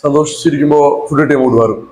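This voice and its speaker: A man's voice: a little high, fairly even intonation, racing, darkish tone, soft background music. A man chatting casually and bantering as a companion on a food vlog. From Thrissur, Kerala. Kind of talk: casual chat.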